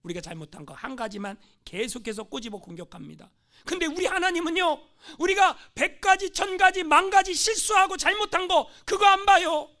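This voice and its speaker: A male pastor preaching a sermon, moving between hushed storytelling and fervent, rising exhortation. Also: extremely high pitch, fairly quick. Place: church sanctuary.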